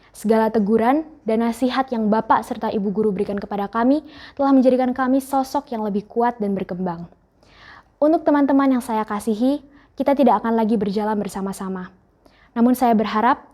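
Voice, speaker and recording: Teenage girl, student speaker, formal farewell speech, measured and earnest, slightly high voice. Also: darkish tone. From Indonesia. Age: teens.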